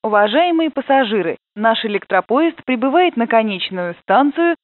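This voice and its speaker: A woman's voice comes over a train intercom, rather high and lively in its rise and fall. The sound is narrow and phone-like, with no room around it. She announces stops and door warnings in a polite, formal way. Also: normal speed, no room sound. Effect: played over a train intercom. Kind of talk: prerecorded transit announcements.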